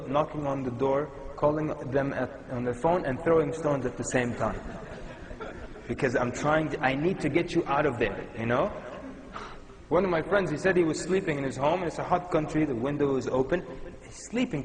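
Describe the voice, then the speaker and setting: A man's voice: on the high side, brisk, a crowd in the background. A man from Sudan giving a conversational, humorous Islamic lecture to a live audience. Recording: echoey hall with long reverb.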